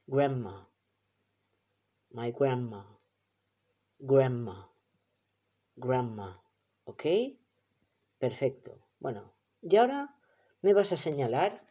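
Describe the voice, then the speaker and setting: Slow, singsong teacher. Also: mid-range voice, mellow, dull audio. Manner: patient, repeats each word slowly for the child; encouraging, praises often. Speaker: English teacher for children. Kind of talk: children's vocabulary lesson.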